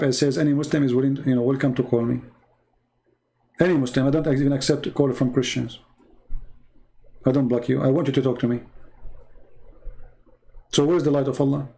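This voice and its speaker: Brief: male stream host, debate monologue, scornful and combative, slightly high voice, non-native English phrasing. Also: darkish tone. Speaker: online religious debate host. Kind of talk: live-stream debate monologue reading viewer comments.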